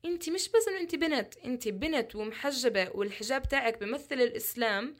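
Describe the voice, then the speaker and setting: A woman's voice: sits high, animated, fast. A woman, speaking as an interview guest in a passionate, emphatic way full of rhetorical questions. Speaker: guest, social media content creator. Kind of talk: candid interview talk.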